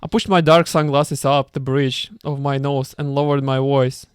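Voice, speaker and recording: Man reading aloud, smooth, dry. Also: mid-range voice, fairly even intonation, normal speed, no room sound. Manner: reads aloud with stumbles and amused asides. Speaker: reader. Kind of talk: reading a book aloud with commentary.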